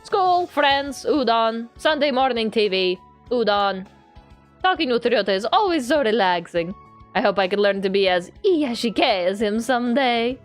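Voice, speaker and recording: A woman's voice: a little high, animated, moderate pace, soft background music, natural voice. A woman voicing a cheerful, friendly young student heroine in a visual novel. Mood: relaxed. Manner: bubbly, teasing, polite. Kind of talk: visual novel character reading.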